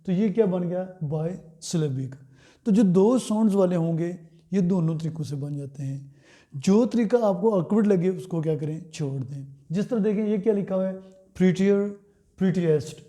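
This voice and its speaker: A man teaching English grammar in Hindi, pronouncing example words slowly and putting questions to his students that he answers himself. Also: sits high, mellow. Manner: slow, drawn-out words, asks and answers his own questions. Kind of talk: Hindi-language grammar lesson.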